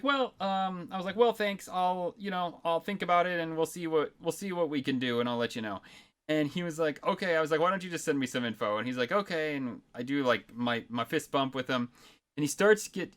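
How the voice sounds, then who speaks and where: A man's voice: fairly high pitch, fairly bright tone. A man in his thirties co-hosting a casual podcast, telling a long anecdote with many fillers and frequent laughter. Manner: rambling storyteller, laughs often, many fillers. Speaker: podcast co-host.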